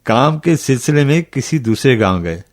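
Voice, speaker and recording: An actor playing a kindly old grandfather who tells children a spooky story in a radio lesson, in a slow, dramatic manner. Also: medium pitch, lively intonation, natural voice.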